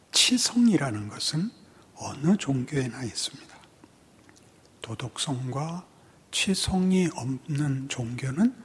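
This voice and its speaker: Slow, halting Korean pastor preaching. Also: male voice, fairly high pitch, breathy edge. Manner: slow, halting delivery with many pauses and fillers, sudden emphatic rises. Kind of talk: sermon.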